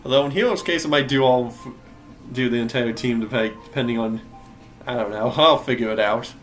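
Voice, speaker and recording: A man's voice: mid-range voice, a little fast, soft background music. A young man giving casual gameplay commentary, rambling and correcting himself, often laughing. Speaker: game streamer.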